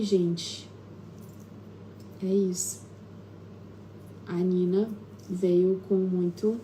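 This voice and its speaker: Brazilian Portuguese woman, live-stream host and therapist, warm dark timbre, chatty and hesitant, faint background hiss. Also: medium pitch. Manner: conversational, with frequent tag questions and filler hesitations. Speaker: self-healing therapist hosting a live stream. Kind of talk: casual live-stream talk, personal storytelling. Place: at home.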